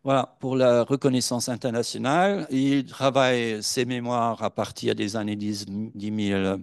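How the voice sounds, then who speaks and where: A man's voice: mid-range voice, steady tone, normal speed, no room sound, studio quality. A man giving a university conference talk from slides, hesitant and full of filler sounds as he tells anecdotes. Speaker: lecturer.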